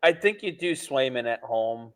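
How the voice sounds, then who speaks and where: A man's voice: mid-range voice, animated, moderate pace, a bit bright. A man co-hosting a hockey podcast in casual chat, often laughing, with hesitant fillers. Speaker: podcast co-host.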